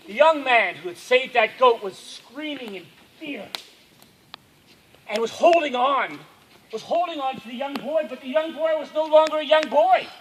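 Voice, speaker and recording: Campfire storyteller, man, very high voice, dramatic hush-to-loud delivery. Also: a little hiss or hum, rough recording. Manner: dramatic, swings from hushed to loud. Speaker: camp storyteller.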